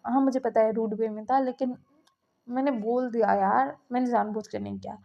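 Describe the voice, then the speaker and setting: A woman's voice: on the high side, fairly even intonation, moderate pace, creaky, lo-fi sound. A woman voicing a young man recovering in bed who answers others curtly and dismissively, in a read-aloud fan story. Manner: curt, dismissive.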